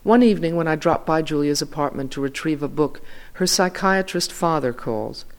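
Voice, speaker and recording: A man reading literary fiction aloud in a measured way, voice dropping softly at the ends of lines. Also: fairly high pitch. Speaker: reader.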